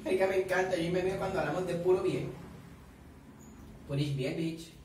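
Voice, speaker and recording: A man's voice: sits high, fairly quick, a little mellow, a little hiss or hum. A man doing chatty reaction commentary, swearing a lot and eating while he talks. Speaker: reaction vlogger. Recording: very echoey room, far from the mic.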